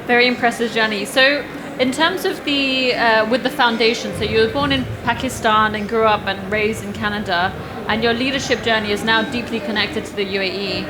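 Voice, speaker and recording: A young woman hosts a fireside interview in an upbeat, gushing way, with plenty of fillers. Her voice sits fairly high. Clear background noise runs under the recording. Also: fairly even intonation, a little fast. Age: young adult. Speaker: interview host.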